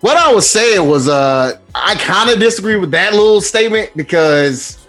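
A man co-hosting a casual gaming podcast, his pitch a touch high and swinging widely as he talks. He swears freely, laughs a lot and gets loud when excited. Faint music sits under his voice. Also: normal speed. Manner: animated, swearing, laughing often. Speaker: podcast co-host.

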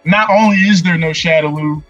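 A man on a gaming podcast with a high, bright and husky voice, talking in a laid-back, slangy way. His sound comes through dull, lo-fi online call audio with faint music under it. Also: moderate pace. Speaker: podcast co-host. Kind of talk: casual gaming chat.

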